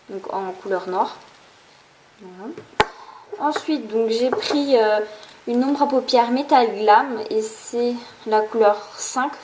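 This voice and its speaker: A woman's voice: a little high, background noise. Chatty young French-speaking woman vlogger. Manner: rambling, many fillers and restarts. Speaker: beauty vlogger. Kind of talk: casual haul vlog.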